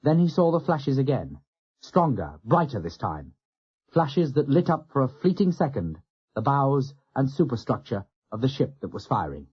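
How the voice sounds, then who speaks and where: A man narrating a war novel as an audiobook in a measured, dramatic way. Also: medium pitch, big pitch swings, slightly rough. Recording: dull lo-fi audio.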